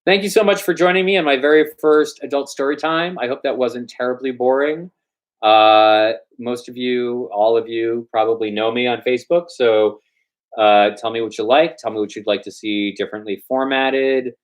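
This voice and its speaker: With a medium-pitched, steady voice at normal speed, a man hosts a storytime show, reading aloud. His delivery is dramatic, theatrical and playful.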